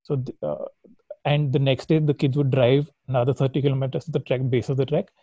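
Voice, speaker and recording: A man's voice: medium pitch, flat delivery, fast talker, warm tone, no echo, muffled recording. A man with an Indian accent talks conversationally as an interview guest, explaining and telling stories informally. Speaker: guest, trekking company founder.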